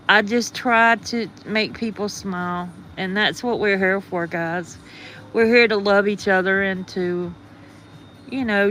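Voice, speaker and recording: A woman's voice: mid-range voice, sharp tone, a little hiss or hum. A woman hosting a livestream with a groggy morning voice, rambling casually and greeting her viewers. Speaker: livestream host.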